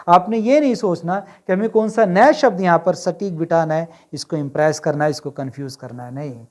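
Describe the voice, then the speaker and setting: A man giving a spoken English lesson, mixing Hindi with slower English phrases and directly asking his students rhetorical questions. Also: on the high side. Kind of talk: motivational classroom lecture to camera.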